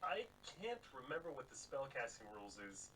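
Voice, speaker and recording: A man's voice: medium pitch, sing-song, a little fast, sharp tone, a little hiss or hum, poor audio. A man playing a tabletop game, talking through his moves and dice rolls. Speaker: player.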